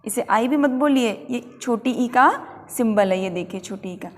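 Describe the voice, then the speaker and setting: A woman's voice: a little high, moderate pace, in a large hall. A woman teacher giving a pronunciation lesson, spelling out words letter by letter and asking learners to repeat after her. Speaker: English teacher.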